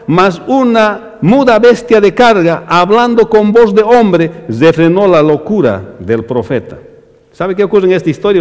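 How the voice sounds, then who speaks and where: His tone darkish and wrapped in a long reverb tail, a male pastor addresses his brothers in the congregation with an emphatic sermon. He lifts on repeated phrases and falls low at line endings.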